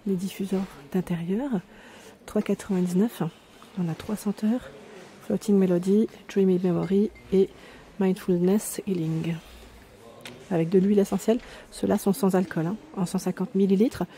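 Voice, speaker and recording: Chatty woman with a mellow voice. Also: medium pitch, fairly even intonation. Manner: chatty, pauses to check labels, reads prices aloud. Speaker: vlogger touring a discount store. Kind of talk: casual store-walk commentary. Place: inside a large retail store.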